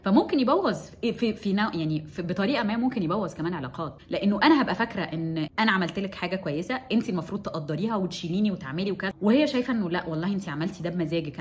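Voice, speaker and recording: A woman's voice: mid-range voice, a little hiss or hum. A woman with an Egyptian Arabic accent giving casual self-help advice to her audience and acting out both sides of little dialogues. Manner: rapid, conversational, acts out both sides of a dialogue. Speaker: self-help content creator. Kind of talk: casual advice talk to camera.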